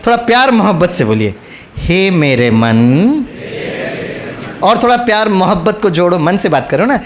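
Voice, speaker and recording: A man's voice: sits high, lively intonation, fast talker. A man giving a spiritual talk to an audience, telling stories and coaxing listeners to repeat after him. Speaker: spiritual speaker.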